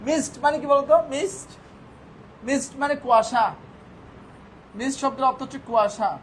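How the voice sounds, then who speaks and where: A man's voice: very high voice, a little fast, low-quality recording. A male teacher giving a classroom vocabulary lesson, firing questions at his students and answering them himself. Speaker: English teacher. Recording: faint background noise.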